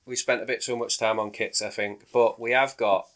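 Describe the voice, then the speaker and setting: Brisk podcast co-host. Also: male voice, mid-range voice, steady tone, a bit bright. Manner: chatty, laughs readily, trails off mid-sentence. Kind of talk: casual chat.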